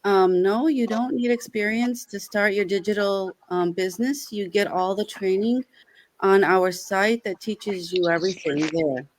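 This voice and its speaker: A woman's voice: medium pitch, measured pace. A woman from the United States on a live panel over a video call, speaking briefly and plainly.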